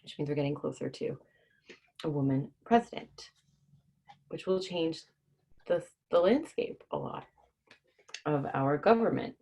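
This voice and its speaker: On a rough recording, a woman with a low, gravelly, mellow, and breathy voice reads a children's book on a livestream, animated yet a little slow and with long pauses. Her casual manner keeps things easy for kids, simply explaining any hard words.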